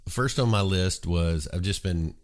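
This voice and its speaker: A low-voiced man, a bit congested from a cold, hosts a relaxed morning chat show. He speaks a little slowly and rambles, dropping in frequent ums and uhs.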